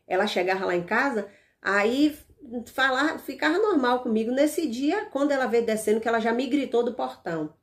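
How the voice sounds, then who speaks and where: A woman with a Brazilian Portuguese accent telling an evangelical testimony in a casual, emphatic way, repeating words and restarting phrases. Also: sits high. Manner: emphatic, repetitive storytelling with restarts. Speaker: evangelical channel host.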